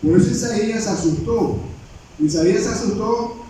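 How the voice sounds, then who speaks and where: High-voiced preacher in an echoey church. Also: male voice, normal speed, dark tone. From Panama. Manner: repeats and restarts words, asks the congregation questions. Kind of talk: sermon. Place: church sanctuary. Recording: very echoey church from a distant mic, faint noise.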